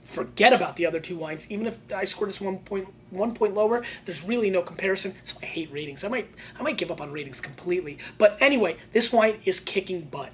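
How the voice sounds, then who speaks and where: A woman's voice: medium pitch, animated, quick pace, few pauses. Woman giving casual wine tasting notes, noisy recording. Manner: emphatic, colloquial, repeats phrases for emphasis. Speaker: wine show host.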